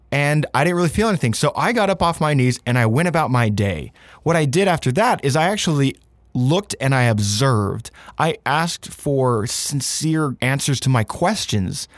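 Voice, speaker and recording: A man hosting a podcast in a casual, candid personal monologue, chatty and informal with animated emphasis. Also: medium pitch, normal speed, no echo, studio quality. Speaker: podcast host.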